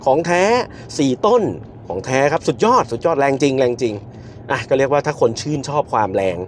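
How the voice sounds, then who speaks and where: A man reviewing a car from behind the wheel, counting down launches and shouting in excitement at the speed. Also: mid-range voice, fast talker, a little hiss or hum. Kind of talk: car review while driving. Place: inside a car on the road.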